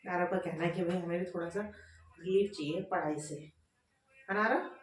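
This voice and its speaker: A woman's voice: lowish voice, normal speed, a little hiss or hum. A woman in her thirties, a mother, chatting casually in a daily home vlog and repeating herself as she goes about her housework. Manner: chatty, repeats herself, talks while doing chores. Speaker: vlogger, mother of two. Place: home, kitchen and rooms.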